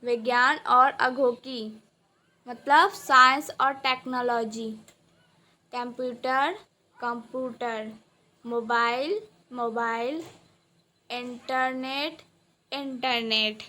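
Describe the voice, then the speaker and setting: A woman with a high, bright voice leads a vocabulary lesson at a very slow pace. She says each word and its translation twice, deliberately and with clear pauses. She hurries a little only for her short explanations. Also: steady tone. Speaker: English teacher.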